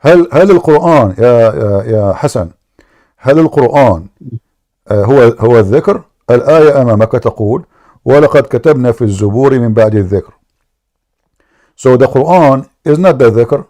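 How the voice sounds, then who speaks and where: A man's voice: mid-range voice, animated, normal speed, warm tone. A man hosting a live debate broadcast, switching between classical Arabic and English and pressing his caller with repeated questions. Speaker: host.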